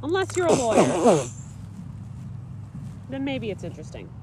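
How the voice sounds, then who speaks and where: A child's voice in an improvised story podcast, bossy, excitable and dramatic. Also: medium pitch, unhurried, noisy background.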